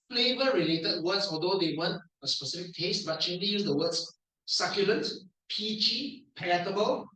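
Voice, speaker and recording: A man with a Singaporean accent who evaluates language at a speaking club, coaching the room on pronunciation in a playful way and drilling words aloud slowly. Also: sits high, pushed and bright, far from the mic. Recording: echoey room, voice from off the mic.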